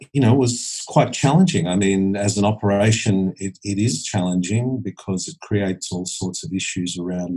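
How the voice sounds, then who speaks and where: A man's voice: low-pitched, mellow, breathy edge, rough recording. A man in his sixties from Australia, a holistic dentist, talking as a podcast guest in a hesitant way with many restarts. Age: 60s. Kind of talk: podcast interview.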